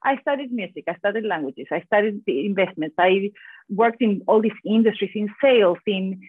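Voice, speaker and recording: A woman with a strong Argentine Spanish accent speaks quickly and animatedly as a podcast guest. Her voice comes through tinny and narrow, as if over a phone line, with no room sound at all. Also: medium pitch, slightly rough, dry recording. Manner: fast-talking, animated storyteller. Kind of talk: podcast interview.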